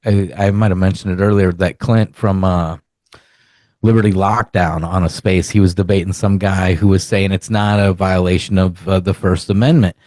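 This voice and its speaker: A man's voice: sits low, steady tone, normal speed, a little mellow, dry recording. A man in his forties hosting a podcast, rambling and swearing in casual chat, full of filler words. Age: 40s. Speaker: podcast host.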